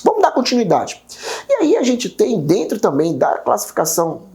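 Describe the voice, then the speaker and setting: A man's voice: sits high, wildly swooping pitch, moderate pace, darkish tone. A man with a Brazilian Portuguese accent teaching an exam-prep video lesson, explaining step by step and tagging sentences with questions. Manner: explanatory, constant tag questions.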